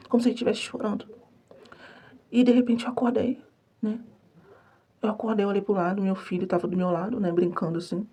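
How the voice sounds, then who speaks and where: Soft-spoken Brazilian woman, hushed late-night talk. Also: medium pitch, husky. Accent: Brazilian Portuguese. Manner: speaks softly, half-whispering so as not to wake others; earnest, emotional, repeats phrases for emphasis. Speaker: vlogger. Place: home at night.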